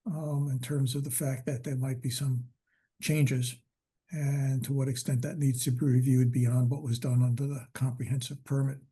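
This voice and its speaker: Soft-voiced man chairing a meeting. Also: mid-range voice, slightly rough. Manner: halting, with many fillers. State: losing his voice. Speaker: commission chair.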